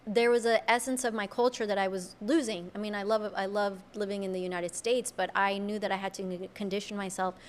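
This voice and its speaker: A woman's voice: medium pitch, steady tone, brisk, few pauses. A woman from Colombia, a native Spanish speaker, speaking as a podcast guest. She talks in a reflective, earnest way, often restarting her sentences. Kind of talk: casual conversational interview.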